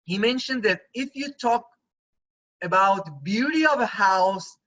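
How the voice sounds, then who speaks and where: Male photography instructor, bright tone, conversational online lecture, muffled low-fidelity audio. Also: lively intonation, measured pace. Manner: conversational, often checks in with students. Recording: dull lo-fi recording.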